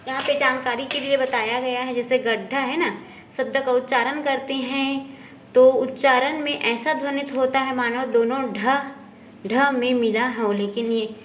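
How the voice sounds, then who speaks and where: A woman teacher slowly going through textbook exercises, often asking a question and then answering it herself. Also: high voice, steady tone, slight background noise. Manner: slow, explanatory, often asks and answers herself. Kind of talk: textbook lesson walkthrough.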